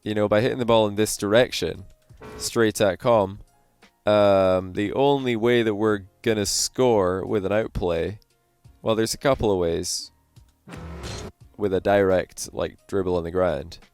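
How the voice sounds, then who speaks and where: Brief: easygoing male replay coach with a lowish voice, chatty, soft beats underneath. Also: a little slow, smooth. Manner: relaxed coaching, frequent fillers. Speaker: game coach reviewing a replay. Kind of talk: casual replay commentary. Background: faint lo-fi background music.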